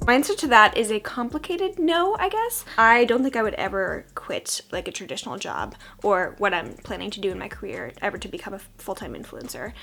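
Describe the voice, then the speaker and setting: A woman's voice: medium pitch, animated, a little fast, vocal fry, hardly any pauses, a bit bright, soft background music. A young woman talks in a casual, chatty beauty-vlogger style. Her voice sounds froggy, as if she is a bit sick. She keeps an informal, self-deprecating way of talking, as though getting ready alongside friends. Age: young adult. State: sick with a cold-like hoarseness.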